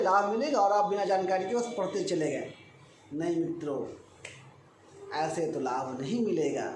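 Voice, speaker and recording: A man giving devotional instruction, explaining slowly and chanting verses melodically. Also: high-pitched. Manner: slow, deliberate explaining, chanting Sanskrit verses in melodic recitation. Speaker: religious teacher. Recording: echoey room with faint ambient noise.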